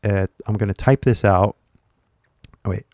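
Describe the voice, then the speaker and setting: A man's voice: lowish voice, takes it slowly, darkish tone, dry recording, clean studio sound. A man who is a native English speaker, chatting casually on a livestream as an English teacher, rambling and switching between Japanese and English with frequent laughter.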